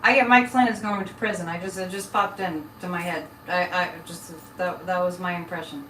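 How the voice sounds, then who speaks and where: A woman with a lowish, steady, slightly bright voice talks fairly quickly as host and psychic of a casual live show. Rambling, she often abandons thoughts midway while addressing viewers. The room echoes, the mic is distant, and there's faint noise.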